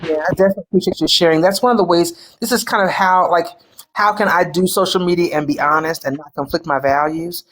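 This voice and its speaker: A woman's voice: on the low side, fast, fairly bright tone. A woman healing coach hosting a live stream, talking casually and emphatically, with colloquial phrasing and repeated key phrases.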